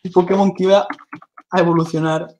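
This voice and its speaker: A woman's voice: fairly low pitch, flat delivery, brisk, a little mellow, slight background noise. A woman gamer teasing her friend in casual voice chat.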